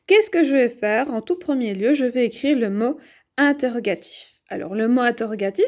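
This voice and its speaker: High-voiced woman teaching French grammar. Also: darkish tone. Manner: slow, clear, repetitive explanation with questions to herself. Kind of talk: grammar lesson at a whiteboard.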